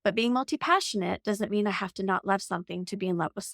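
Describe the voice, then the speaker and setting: A woman's voice: medium pitch, quick pace, gravelly, no room sound, clean studio sound. A woman in her forties, a coach and podcast guest, telling her story earnestly and reflectively with many "like" fillers. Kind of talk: conversational storytelling.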